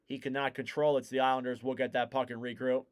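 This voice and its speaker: A man giving casual live play-by-play commentary on a hockey game, getting louder and keener on the big plays. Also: medium pitch, little pitch movement, quick pace, smooth.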